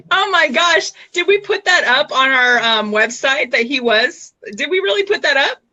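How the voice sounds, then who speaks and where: A bubbly woman hosts a casual live-streamed chat over a video call. Her voice sits high and bright, and she giggles and exclaims often. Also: lively intonation, slow pace, pauses often, highs cut off. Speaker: show host.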